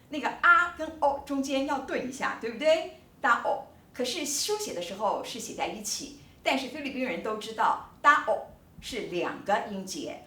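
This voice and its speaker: Lively, bright-voiced woman lecturing. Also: a little high, roomy sound, distant mic. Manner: animated, emphatic explaining with drawn-out words. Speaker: linguistics professor. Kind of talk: recorded online lecture.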